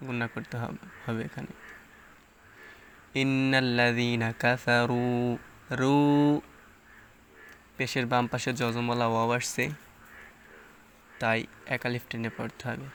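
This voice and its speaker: Bright-voiced man teaching recitation. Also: medium pitch, slight background noise. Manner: explains rules plainly, then recites verses slowly and drawn out; asks and answers his own questions. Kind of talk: tajweed lesson, explaining and reciting.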